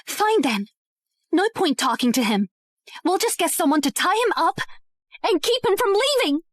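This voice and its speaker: A woman's voice: very high-pitched, very animated, normal speed, dry recording, studio quality. A woman acting a haughty, hot-tempered young woman in a dubbed short drama, indignant and confrontational. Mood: scornful threat.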